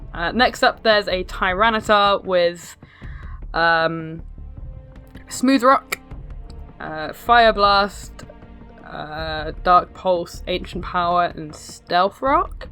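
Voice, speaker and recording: A woman with a hoarse, sick-sounding smoker's rasp, giving casual, sarcastic, sweary game commentary. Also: lowish voice, fairly bright tone. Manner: sarcastic, self-deprecating, sweary. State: ill, hoarse. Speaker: video host narrating own battle. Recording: music behind the voice. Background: music.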